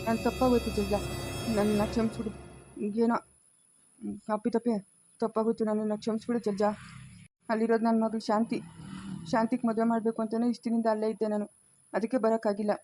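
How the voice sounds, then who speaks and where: A woman voicing a guilt-ridden middle-aged father who begs his wife for forgiveness in a low, pleading way. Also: level tone, quick pace, pauses often, warm tone, soft background music, close to an everyday voice. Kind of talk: amateur family drama acting.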